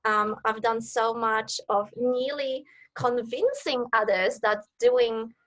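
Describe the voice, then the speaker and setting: Thirties woman with a Polish accent, eager and upbeat, a touch high-pitched. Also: slow, fairly bright tone, muffled recording. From Poland. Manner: enthusiastic, eager. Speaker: guest, networking coach. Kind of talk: interview answers. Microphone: video call.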